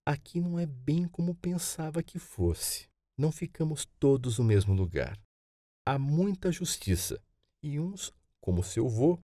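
A man voicing a calm, reassuring elderly grandmother, speaking slowly and softly. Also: mid-range voice, no echo, studio quality. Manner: slow, soothing. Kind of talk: audiobook character voice.

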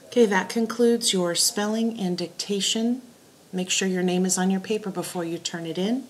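A woman teacher dictating spelling words and sentences in a deliberate way, setting words apart and repeating them. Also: mid-range voice, steady tone. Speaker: teacher giving a spelling test.

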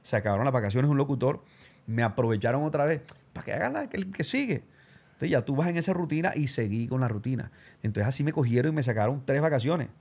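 Brief: male host, gravelly and husky, lively storyteller. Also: mid-range voice, quick pace. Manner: animated, slangy, does voices of people he quotes. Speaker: show host and radio announcer. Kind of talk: casual storytelling interview.

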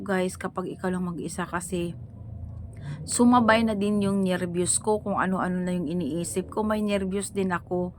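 A woman's voice: on the low side, slight background noise. A middle-aged woman vlogger telling her viewers a long story in a rambling, conversational way, still sounding weak and tired after being ill.

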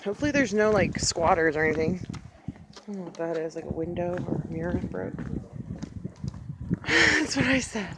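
A woman's voice: fairly low pitch, expressive, moderate pace, long pauses. A woman vlogger giving casual, chatty walk-through commentary as she explores an abandoned rural hotel outdoors in the cold, filmed on a handheld phone. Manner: chatty, wandering remarks while exploring. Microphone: handheld phone camera while walking. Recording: loud outdoor wind noise.

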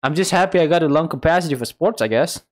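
A man's voice: on the high side, animated, quick pace. A man streaming a game live, chatting and mocking himself, with sudden screams and laughs. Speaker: gaming streamer. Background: game music.

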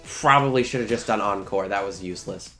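A man's voice: fairly low pitch, a little fast, pushed and bright. A man giving casual, sweary video game commentary, talking to the characters as he plays. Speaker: let's play host. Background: game music.

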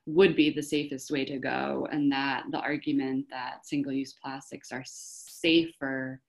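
A woman with a low voice speaks slowly and deliberately, laying out her points for an audience. She explains things patiently and often pauses in the middle of a phrase. She is heard over a video call. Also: flat delivery, gravelly. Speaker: panelist for an environmental group. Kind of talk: informative panel Q&A answer.

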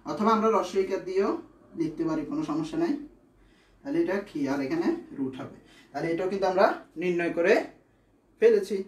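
A man's voice: high voice, a little fast, pauses often, roomy sound. A man teaching grammar, explaining step by step and answering his own questions. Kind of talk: classroom lesson.

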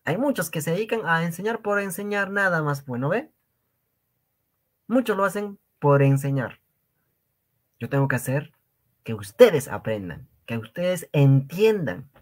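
Male teacher, streamed lesson; bright, animated, drills syllables emphatically. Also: fairly high pitch. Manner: animated, drills sounds with exaggerated repetition; addresses viewers as brothers and sisters. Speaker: language teacher. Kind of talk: livestreamed language lesson.

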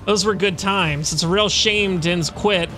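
Guy reading nostalgic old ship crewman from a video game, rambling, cold-blooded, bright high voice. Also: measured pace, faint music behind. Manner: rambling storyteller.

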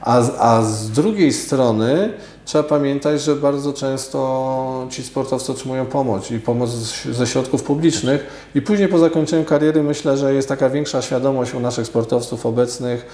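A man in his forties, a sports official answering radio interview questions in a measured, hesitant way with many fillers, in an office studio on a lapel mic. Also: mid-range voice, warm tone. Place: office studio with glass table. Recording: roomy echo.

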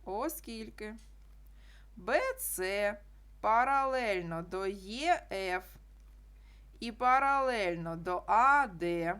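A woman's voice: mid-range voice, animated, slow, long pauses, fairly bright tone, smooth. A woman teacher explaining a geometry problem step by step, repeating key statements. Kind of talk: classroom math lesson.

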